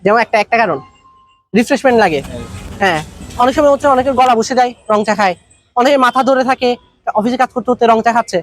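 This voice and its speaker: High-voiced fast-talking man teaching. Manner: colloquial, tells anecdotes with acted dialogue. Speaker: business trainer. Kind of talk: masterclass talk.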